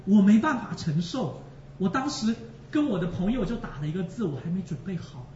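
Male preacher, high and lively voice, emotional, repetitive; distant, echoey, dull recording. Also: brisk, a little hiss or hum. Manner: emotional, repeats phrases for emphasis; addresses the congregation directly. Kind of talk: sermon.

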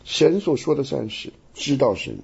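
A man's voice: medium pitch, big pitch swings, normal speed, creaky, a little mellow, husky, highs cut off. A man teaching the Bible on a radio program, talking emphatically and asking rhetorical questions. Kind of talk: radio Bible study discussion.

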